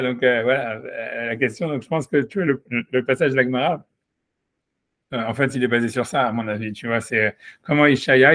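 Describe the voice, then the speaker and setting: A man leads an informal Talmud study session. He reasons aloud, restarting his sentences and adding quick asides. His voice sits at an ordinary middle pitch. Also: a bit bright. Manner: hesitant, thinking aloud, many restarts. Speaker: rabbi teaching Talmud. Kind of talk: informal study-class explanation.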